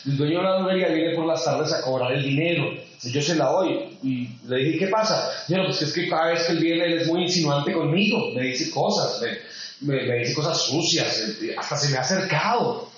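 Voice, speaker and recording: A man preaching a sermon as pastor, animated and building up to shouts. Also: on the high side, normal speed. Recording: echoey, distant, dull recording with room noise.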